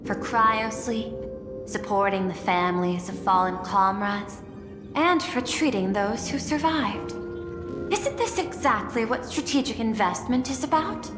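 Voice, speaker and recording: An actress playing a cool, calculating artificial intelligence chief executive in a game, formal, composed and precise, with a dry teasing edge. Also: female voice, on the high side, expressive, unhurried, reverberant, in a large hall, over music. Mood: coolly bargaining. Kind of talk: dramatic game voice acting.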